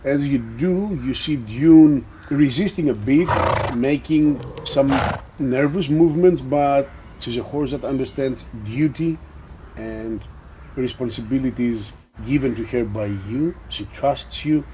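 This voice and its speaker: A man narrating a tabletop role-playing game as game master, measured and descriptive. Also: mid-range voice, background noise.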